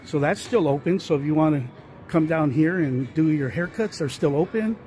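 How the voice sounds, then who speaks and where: A man vlogging his way around an indoor mall speaks at a normal speed in a fairly high, mellow voice. The casual tour rambles, with many fillers and restarts. He stays off screen behind a handheld phone camera, and there's slight background noise.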